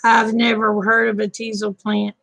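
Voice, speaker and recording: Woman, 50s, stream host, casual folksy chat, slightly high voice with a gravelly edge. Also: completely flat delivery, normal speed, a bit bright, dry recording, low-quality recording. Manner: folksy and talkative, chuckles often.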